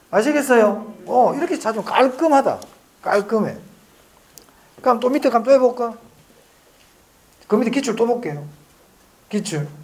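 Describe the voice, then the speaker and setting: Lively high-voiced male lecturer. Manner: drills students with quick repeated questions; stretches key phrases slowly for emphasis. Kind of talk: exam-prep lecture.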